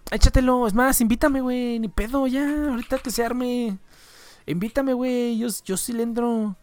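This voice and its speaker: A man's voice: very high-pitched, fairly even intonation, moderate pace, a little mellow. A man hosting a podcast in casual, profane, joking banter. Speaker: podcast host. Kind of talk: casual chat.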